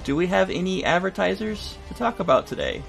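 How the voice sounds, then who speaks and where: A man's voice: high-pitched, lively intonation, brisk, gravelly, fairly bright tone, soft background music. A man hosting a podcast with casual, conversational banter. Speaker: podcast host.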